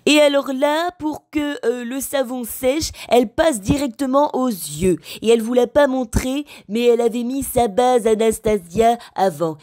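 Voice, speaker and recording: Woman voicing a slow, sarcastic pet bulldog. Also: fairly high pitch, a little mellow, lightly acted. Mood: mocking. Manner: slow, sarcastic, teasing commentary. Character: cheeky male bulldog mocking his aunt. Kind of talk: comic voice-over narration.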